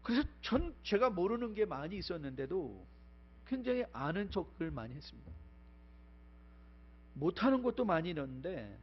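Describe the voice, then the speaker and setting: A middle-aged man from Korea preaching in a church, his voice pitched high and carrying. He moves between loud pleading exhortation and hushed personal confession, dropping short English phrases in. The sermon recording is dull and lo-fi, with a mains hum underneath. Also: slightly rough. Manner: swings from loud urgent exhortation to quiet confessional storytelling. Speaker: pastor. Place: church sanctuary.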